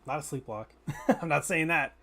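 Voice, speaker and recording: Brief: male streamer, slightly high voice, loose jokey banter, drops the odd swear. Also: moderate pace, pushed and bright, faint music behind. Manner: chatty and joking, answers chat, swears casually. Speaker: gaming streamer. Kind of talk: casual live gameplay chatter.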